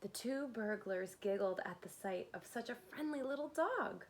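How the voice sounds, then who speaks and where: At normal speed and in a mid-range voice, a woman reads a picture book to little kids, dramatic and expressive in the way of a kindergarten teacher, with playful asides. There's slight background noise.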